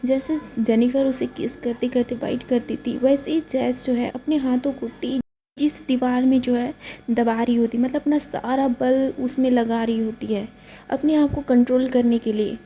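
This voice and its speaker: A woman's voice: high voice, steady tone, normal speed, dark tone, a little hiss or hum, low-quality recording. A woman with an Indian accent casually narrating a romance story, repeating fillers as she goes. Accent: Hindi-speaking Indian. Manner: repetitive, filler-laden retelling.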